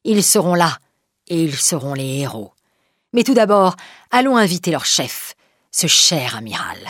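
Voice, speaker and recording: A sneering, scheming male killer from a storybook, as a woman reader puts him on, menacing and scornful. The voice is low, husky and close, with lively swings in pitch. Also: a little slow, dry recording, heavily acted. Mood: sinister.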